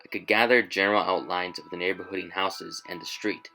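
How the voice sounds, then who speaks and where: A man narrating a scripted first-person horror story in a measured, tense way. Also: low-pitched, steady tone, sharp tone, faint music behind, low-quality recording.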